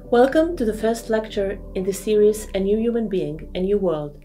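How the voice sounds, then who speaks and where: A woman's voice: mid-range voice, animated, normal speed, dark tone. Woman lecturing over music. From Israel. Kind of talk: scripted lecture narration.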